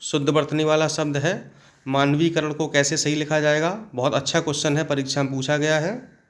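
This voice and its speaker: A man teaching an exam-prep lesson in a fairly high voice. He works through each question steadily and keeps checking in with his listeners as he goes. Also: steady tone, brisk. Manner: explains step by step, often adds a checking "okay".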